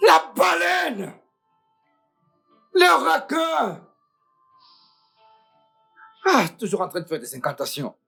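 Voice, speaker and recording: Woman dubbing a despairing young husband, gravelly. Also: low voice, sing-song, fast, few pauses, a bit bright, faint music behind, exaggerated voice. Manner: groaning, pleading, exasperated outbursts. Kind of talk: French film dub.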